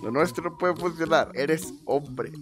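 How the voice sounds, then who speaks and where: An excitable streamer doing live reaction commentary, giggling, exclaiming, repeating phrases and swearing playfully in casual banter. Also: medium pitch, a little slow. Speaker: VTuber streamer reacting to memes. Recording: loud music behind the voice. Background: music and meme clips.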